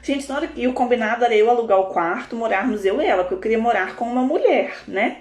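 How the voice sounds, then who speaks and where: A Brazilian woman, a coach, telling a story in a live session in a lively, expressive way. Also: a little high, fast talker. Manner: animated, expressive, laughs often. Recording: roomy echo.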